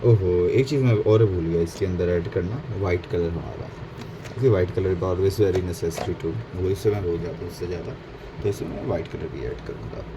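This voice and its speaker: A man's voice: low voice, moderate pace. A man narrating a casual painting tutorial, mixing Hindi and English and correcting his own slips as he goes. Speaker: painting instructor. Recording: faint background noise.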